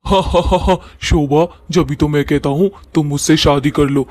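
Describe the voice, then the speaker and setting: Man playing a cheeky cartoon suitor, fairly high voice, teasing, flirty, dry sound. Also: steady tone, normal speed, a little mellow, no echo, close to an everyday voice.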